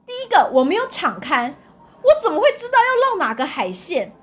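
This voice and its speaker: High, lively woman telling a story. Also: fairly quick. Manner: animated, laughs often, acts out quoted dialogue. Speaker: podcast co-host telling her own story. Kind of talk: casual storytelling chat.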